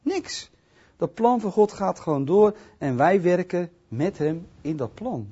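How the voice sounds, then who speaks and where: A man giving an informal bible teaching in a conversational way, often checking in with his listeners and swinging between soft asides and loud, emphatic stresses. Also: high-pitched, animated, unhurried, husky. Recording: dull lo-fi recording.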